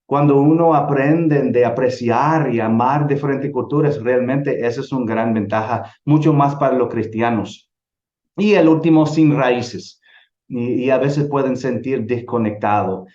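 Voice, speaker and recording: A middle-aged man from El Salvador giving an earnest church missions lecture, often pausing and restarting phrases. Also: mid-range voice, darkish tone. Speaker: missions teacher. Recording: roomy, dull lo-fi sound.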